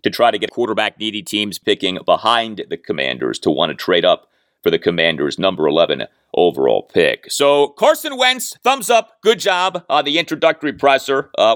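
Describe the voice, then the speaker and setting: Male host, solo football analysis, very animated delivery, dead-dry room. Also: medium pitch, normal speed, dry recording. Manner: lively, emphatic, repeats key points. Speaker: podcast host. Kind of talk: solo sports podcast analysis.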